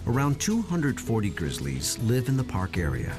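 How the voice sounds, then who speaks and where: A man's voice: mid-range voice, huge pitch swings, normal speed, over music. A man reading scripted narration for a nature documentary.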